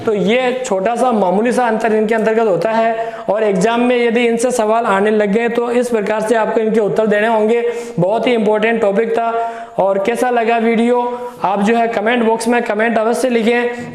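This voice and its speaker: A man with a very high, level, slightly mellow voice teaches a grammar lesson to exam students in an echoey room that rings around him. He goes slowly, repeating each example word aloud several times to show how it sounds, and builds his point step by step while asking the students questions.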